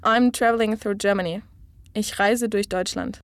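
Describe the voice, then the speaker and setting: Female tutor, clear deliberate delivery, dry close sound, for phrase-lesson reads. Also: medium pitch, fairly even intonation, no echo. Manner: clear, measured model pronunciation. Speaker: language tutor.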